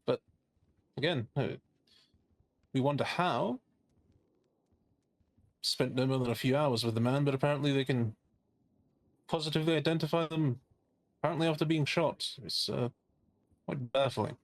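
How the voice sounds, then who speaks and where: A man's voice: mid-range voice, moderate pace, pauses often, no echo, natural voice. A man playing a skeptical, indignant defense lawyer in a role-play game, giving a courtroom closing argument with pointed, sardonic rhetorical questions. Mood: sardonic, incredulous.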